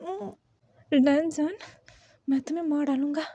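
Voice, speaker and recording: A spirited, cheerful young man with quick, playful outbursts, voiced by a woman narrating a storybook. The voice is very high and recorded dry and close. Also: no room sound, dull audio. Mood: lively. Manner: lively, playful exclamations.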